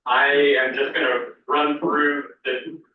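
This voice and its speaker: A man's voice: fairly high pitch, slow pace. Man, business presenter, heard via a phone held to a mic in a meeting room, roomy and distant, uh-filled delivery. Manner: steady, with frequent "uh" fillers. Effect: voice from a cell phone held up to a microphone. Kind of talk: formal presentation over the phone. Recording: muffled phone sound through a very echoey hall, from far off.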